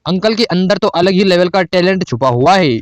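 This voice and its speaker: A man's voice: high voice, brisk, very noisy. A man giving teasing, wry voice-over commentary on funny clips. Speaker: compilation narrator.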